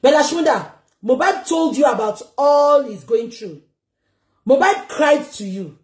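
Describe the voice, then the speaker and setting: A Nigerian woman with a high voice tears into her subject in a scornful commentary rant. Her mockery keeps spilling into shouts and laughter. The room around her rings with a roomy echo. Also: expressive, measured pace. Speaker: social media commentator.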